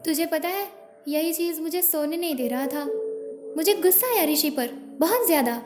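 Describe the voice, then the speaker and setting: A woman's voice: very high-pitched, moderate pace. A woman voicing a chatty, trusting young woman in a story reading, talking in a teasing way. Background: background music.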